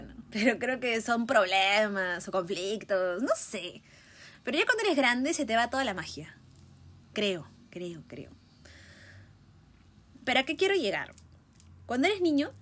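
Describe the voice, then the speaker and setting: A woman in her twenties thinking aloud in a relaxed monologue, musing and often ending her points with a questioning tag. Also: fairly high pitch. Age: 20s. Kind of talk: reflective casual monologue.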